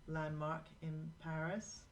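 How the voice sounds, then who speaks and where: A woman's voice: low-pitched, flat delivery, takes it slowly, a little hiss or hum, low-quality recording. A woman hosting a live drawing show, chatting to viewers and telling rambling anecdotes as she draws. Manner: rambling, anecdotal, talks to viewers while working. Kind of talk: chatty live-stream narration while drawing.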